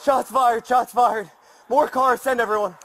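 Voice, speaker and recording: A man's voice: very high-pitched, steady tone, unhurried, a bit bright, a little hiss or hum. A male police officer making urgent, clipped calls over a police radio, picked up on body-camera audio.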